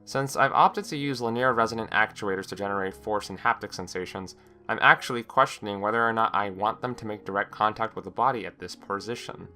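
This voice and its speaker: A man giving a semi-scripted technical monologue as a project journal, explaining things in a measured, wordy, methodical way. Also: fairly low pitch, sharp tone. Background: background music.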